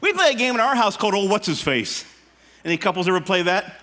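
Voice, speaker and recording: Male stand-up comic, fifties, high-pitched, forceful bright tone, animated, teasing, live audience. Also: fast. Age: 50s. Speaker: stand-up comedian. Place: live stage show before an audience.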